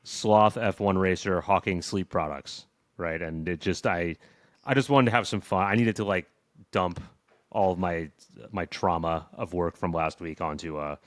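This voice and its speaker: A man's voice: low voice, fairly even intonation, normal speed, no echo. A man co-hosting a podcast in loose, chatty talk, laughing often and leaning on "like" fillers. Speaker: podcast co-host. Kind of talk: casual tech chat.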